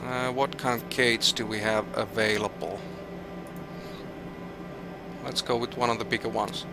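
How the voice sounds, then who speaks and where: With a lowish voice and flat delivery at a measured pace, a man from Finland with a Finnish accent narrates his flight simulator stream against a noisy background. He thinks aloud in live gameplay commentary, hesitantly restarting while reading weather and route figures.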